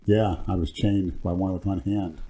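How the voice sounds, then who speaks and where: Low-voiced man telling boastful stories. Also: steady tone, normal speed, mellow, breathy edge. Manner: boastful, rambling anecdotes. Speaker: podcast host. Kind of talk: crude storytelling banter.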